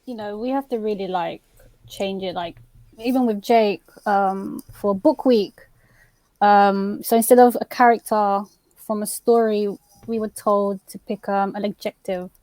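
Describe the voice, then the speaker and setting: A young woman co-hosting a casual chat, telling anecdotes with lively acted-out dialogue. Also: medium pitch, a little slow, no echo. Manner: animated storyteller, acts out quoted dialogue. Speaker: podcast co-host.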